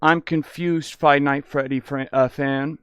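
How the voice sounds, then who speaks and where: Crisp, clear man, slightly high. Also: fairly even intonation, unhurried, fairly bright tone, no echo, studio quality. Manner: repetitive, questioning. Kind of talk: casual spoken address to an online chat.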